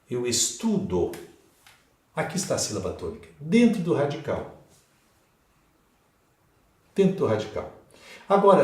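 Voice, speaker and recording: A Brazilian man teaching a Portuguese grammar lesson for exam prep, in a slow and emphatic way. He repeats key words and checks in with the class. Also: fairly high pitch, a little mellow. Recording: echoey room.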